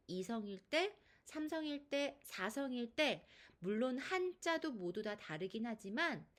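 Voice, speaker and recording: A woman's voice: on the high side, a bit bright. A woman teaching a Chinese pronunciation lesson, explaining patiently and asking the viewer rhetorical questions. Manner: sings out long held vowels in demonstrations.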